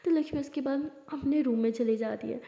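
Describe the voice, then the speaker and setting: A woman's voice: high voice, brisk, creaky, dark tone. A woman narrating a love story in a plain, conversational storytelling way. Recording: roomy hall reverb.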